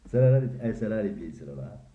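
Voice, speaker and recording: A man with a lowish, expressive voice races through crude jokes in a casual way, acting out the characters and laughing at his own punchlines. The recording is echoey and tinny, like a phone.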